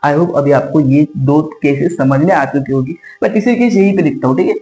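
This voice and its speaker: A man teaches physics at a classroom whiteboard, asking questions and answering them himself while fondly calling his students kids. His voice is on the high side, brisk and warm, with a roomy sound and poor audio quality.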